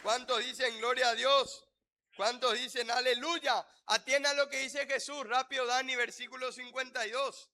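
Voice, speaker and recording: A man's voice: extremely high pitch, fairly even intonation, moderate pace, bright, forceful tone, some chatter behind. A man preaching as a pastor, fervently leading prayer and calling out to the congregation in a church. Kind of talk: sermon with prayer. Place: church hall. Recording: reverberant church hall.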